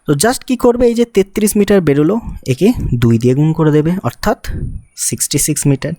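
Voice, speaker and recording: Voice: medium pitch, sing-song, fast talker, mellow, dry recording, studio quality. Physics teacher explaining step by step. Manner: explains step by step, asking rhetorical questions to the student; mixes English technical terms into the talk. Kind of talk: exam-prep physics lesson.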